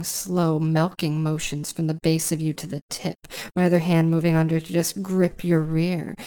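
A woman doing intimate, scripted hypnosis narration in slow, flowing, repetitive phrases. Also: low-pitched, mellow, smooth. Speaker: audio hypnotist.

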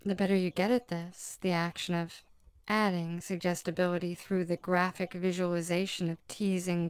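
A woman with a lowish, silky voice guides a scripted hypnosis session. Her delivery is slow, measured and even, meant to lull. The sound is close and dry, with no room around it. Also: smooth, no echo.

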